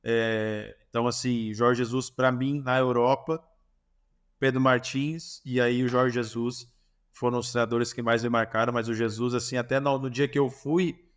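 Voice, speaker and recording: A man's voice: medium pitch, little pitch movement, moderate pace, clear, resonant tone. A Brazilian man, a former goalkeeper, telling anecdotes in a casual interview, with many restarts and self-corrections.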